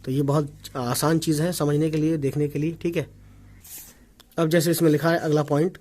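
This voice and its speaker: A man teaching an Urdu writing lesson in Hindi, repeating words slowly and often checking that viewers follow along. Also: on the high side, flat delivery, darkish tone. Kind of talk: online language lesson. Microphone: omnidirectional desk microphone.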